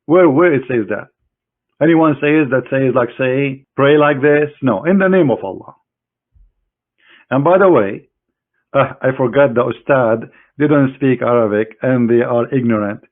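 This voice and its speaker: A man's voice: medium pitch, unhurried. Guy, scornful and sarcastic, talks right at the other side, sounds thin like a phone line. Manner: scornful, sarcastic, addressing an opponent directly. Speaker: religious critic presenting a screen demonstration. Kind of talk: mocking screen-share lecture.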